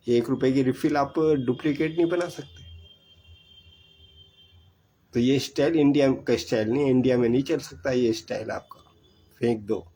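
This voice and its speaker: A man's voice: medium pitch, dark tone, breathy edge, rough recording. An older man giving earnest, repetitive advice about saving money. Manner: preachy, repetitive, exhorting. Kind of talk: earnest monologue.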